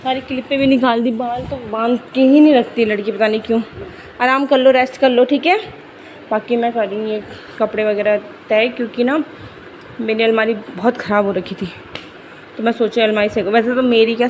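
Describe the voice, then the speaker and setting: A young woman filming a casual home vlog, chatting about her day and coaxing her little daughter in a lively sing-song. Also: a little high, a little fast, slight background noise, poor audio. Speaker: vlogger mother.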